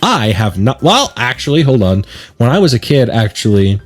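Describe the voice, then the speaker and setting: While working through a game, a man streaming a let's play chats and drifts off on tangents, mixing his remarks with game text read aloud. He sounds very animated, with a medium pitch and normal speed.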